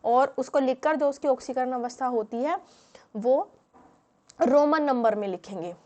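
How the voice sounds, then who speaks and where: A woman's voice: high voice, a little slow, a little mellow. A woman teaching a chemistry lesson, explaining step by step with frequent fillers and questions to the class. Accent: Hindi-English mix. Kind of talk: classroom lecture.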